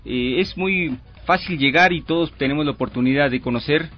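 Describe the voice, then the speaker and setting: A man's voice: fairly high pitch, fairly quick, faint music behind. A man hosting a live radio chat, casual and chatty. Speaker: radio host. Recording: lo-fi radio broadcast.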